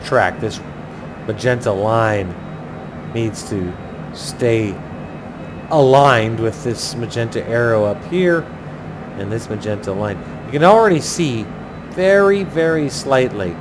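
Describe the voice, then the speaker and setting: Chatty male pilot over a noisy rumble. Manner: chatty, thinking aloud, using pilot jargon. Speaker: flight simulator pilot and host. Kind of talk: casual narrated flight commentary. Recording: clearly noisy, steady low engine-like rumble.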